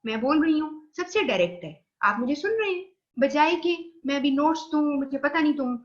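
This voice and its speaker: A woman with a Pakistani accent and a fairly high voice teaches from her slides. She drops English terms into her explanation and checks that her students are following. The audio sounds dull and lo-fi. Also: expressive, fairly quick. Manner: explains slide points, checks understanding with "theek hai". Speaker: lecturer. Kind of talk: recorded online lecture.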